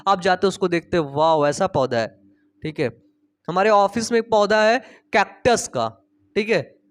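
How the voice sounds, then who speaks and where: A young male biology teacher with a high-pitched voice talks through the lesson in a loose, conversational way. He keeps asking questions and answering them himself, and he slips personal stories in between the facts. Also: lively intonation, measured pace. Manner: chatty, storytelling, asks and answers his own questions. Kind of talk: casual Hindi lecture.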